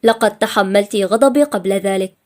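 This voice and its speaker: A woman's voice: medium pitch, normal speed, natural voice. A woman voicing a stern male boss who talks coldly and firmly. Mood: soft. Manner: cold, firm. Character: stern, cold male boss, gentle underneath.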